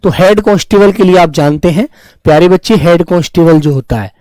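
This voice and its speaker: A man's voice: high-pitched, fairly quick, mellow, dry recording, low-quality recording. A man teaching grammar in an online class, fondly calling his students children, repeating each term and answering viewers' comments.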